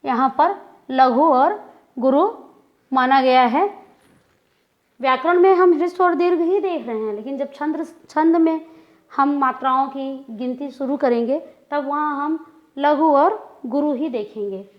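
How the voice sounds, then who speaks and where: A woman gives a grammar lesson in a slow, careful lecture style. She repeats example words aloud to show how they are pronounced, pausing between phrases. Her voice sits high, and the recording is dull and lo-fi. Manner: slow, deliberate, repeats and demonstrates pronunciations. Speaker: Hindi grammar teacher.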